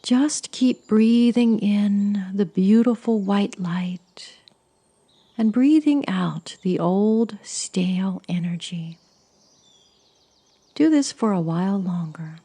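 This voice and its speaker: A woman leading a guided meditation in a soft, soothing, breathy voice that often sinks close to a whisper. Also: mid-range voice, takes it slowly. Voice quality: breathy, husky.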